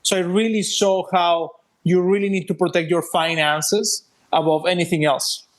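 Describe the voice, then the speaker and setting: Man, Venezuelan accent, native Spanish speaker, somewhat high pitch, explanatory interview guest. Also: level tone, moderate pace. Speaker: interview guest, policy group president.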